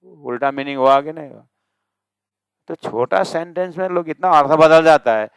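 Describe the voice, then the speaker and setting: A male religious teacher giving a scripture discourse, chanting verses slowly and explaining them with emphatic, rising questions. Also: on the high side, clear, resonant tone, dry recording.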